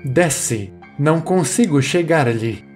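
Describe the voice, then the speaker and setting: A man's voice: expressive, slow, a little mellow, soft background music. Frantic old mother, a man puts her on. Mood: desperate. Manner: pleading, shrill cries.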